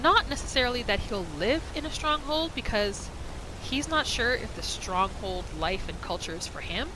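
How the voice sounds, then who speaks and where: At a moderate pace and with a high-leaning, animated voice, a gaming roleplay host tells her character's thoughts in the third person as she plays. Background noise and game music can be heard behind her.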